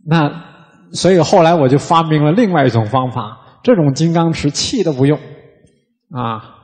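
A man, a Buddhist monk, gives a casual, conversational dharma talk, often opening his phrases with a drawn-out "ah" and sometimes chanting quickly in rhythm. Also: a little high, expressive, darkish tone, big-room sound. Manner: demonstrates rapid rhythmic chanting.

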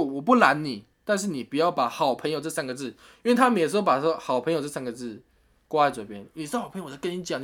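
Fast-talking man. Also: on the high side. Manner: animated retelling with quoted voices and laughs. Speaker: storyteller in a chat. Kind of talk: casual chat.

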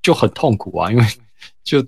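A man from Taiwan telling a story in a relaxed, casual podcast chat, with many fillers. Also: medium pitch, brisk, creaky, breathy edge, no room sound. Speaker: podcast co-host.

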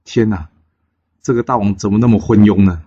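A man voicing a loyal old royal uncle, solemn, low and heavy. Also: brisk, warm tone, breathy edge, highs cut off. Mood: grave.

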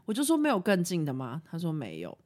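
A young woman chats through a casual podcast story. Her pitch swings up and down a lot, and she talks frankly, swears easily and laughs at her own mishaps. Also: fast. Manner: animated, frank, swears freely, laughs at herself. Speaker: podcast host.

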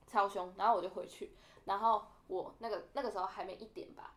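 A woman's voice: medium pitch, steady tone, fairly quick. A young woman telling a story in a casual podcast chat, animatedly acting out the quoted dialogue. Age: young adult. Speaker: podcast co-host.

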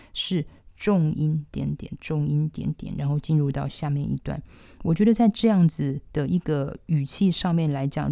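A woman with a Taiwanese Mandarin accent, a pianist hosting a podcast, talking through music in a measured, thoughtful way and slowing down to stress her points. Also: low-pitched, vocal fry, dark tone, no room sound, clean studio sound. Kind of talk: reflective music commentary.

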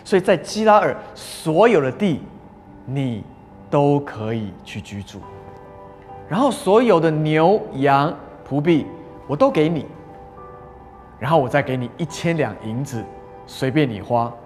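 A man preacher voicing a frightened ancient king who scolds and then hurries to make amends, with long hall reverb and soft music behind. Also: fairly high pitch, big pitch swings, a little slow, long pauses. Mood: placating.

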